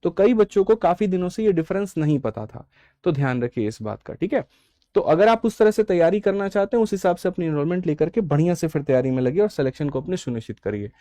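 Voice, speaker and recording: Dry-voiced teacher pitching exam batches. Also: male voice, lively intonation, fast, mellow, dry recording. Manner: addresses students as brother, frequent "theek hai". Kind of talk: online class sales pitch and lesson.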